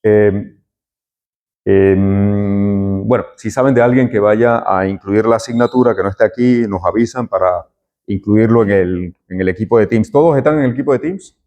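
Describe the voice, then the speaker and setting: A man's voice: fairly low pitch, moderate pace, warm tone, muffled recording. A middle-aged man, a university lecturer taking roll and chatting with students in a classroom. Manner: friendly, chatty, jokes with students.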